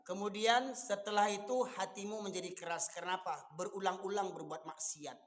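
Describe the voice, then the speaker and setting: A man with a Minangkabau accent, preaching a fiery, scolding sermon that rises to shouts. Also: sits high, fairly even intonation, normal speed. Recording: long hall reverb.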